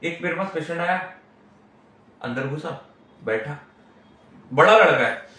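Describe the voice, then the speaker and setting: A man's voice: a little high, measured pace, bright, forceful tone. Middle-aged man lecturing in an echoey room. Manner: explains with frequent tag questions. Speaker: homeopathic doctor teaching case taking. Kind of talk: explanatory lecture. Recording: very echoey room, mic far off.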